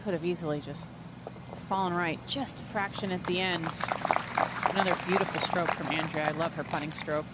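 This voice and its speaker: A woman's voice: on the low side, fairly even intonation, brisk. A woman commentating live on golf as an analyst, explaining shots and technique. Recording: loud outdoor noise behind voice. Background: loud outdoor noise.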